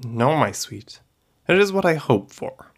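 Man voicing a calm, mystical old fortune-teller. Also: on the high side, unhurried, husky, voice pushed up, full character voice. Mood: knowing, solemn. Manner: gentle, matter-of-fact, grandly solemn.

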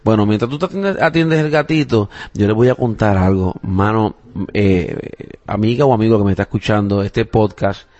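With a lowish voice at a moderate pace, a man from Puerto Rico hosts a relaxed family podcast alongside his young daughter, and the recording sounds muffled. His Puerto Rican Spanish is loose, with many fillers and occasional English phrases.

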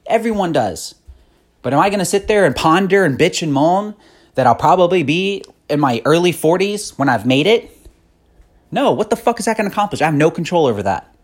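A man's voice: a little high, big pitch swings, a little fast, husky. A man in his thirties hosting a podcast, giving a blunt, profane motivational monologue that grows more fired-up. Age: 30s. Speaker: podcast host.

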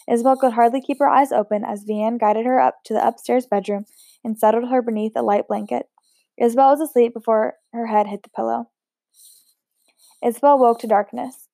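A woman reads a novel aloud in a mellow, fairly high voice, steady and unpolished, now and then stumbling and restarting a word. The recording is dry and close, with no room sound. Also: creaky, no room sound. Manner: steady, unpolished reading with occasional slips and restarts. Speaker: audiobook reader.

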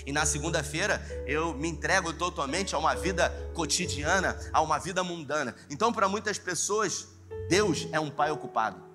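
A man preaching a sermon as pastor, swinging between loud, emphatic lines and hushed asides. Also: a little high, normal speed, music in the background.

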